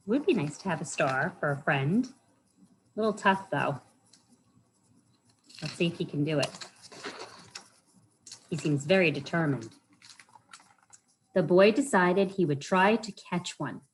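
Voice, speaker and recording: In a low-quality recording, a woman with a lowish, husky voice hosts a library storytime for children. She reads aloud, chats in simple words, and often asks her young listeners questions.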